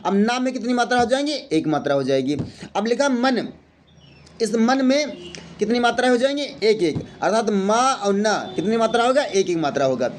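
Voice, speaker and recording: A man with a high voice teaches a lesson step by step, counting out loud and posing questions that he answers himself. A faint hum of room noise sits behind him. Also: animated, normal speed. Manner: explains step by step, counting aloud and asking then answering his own questions. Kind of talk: Hindi grammar lesson.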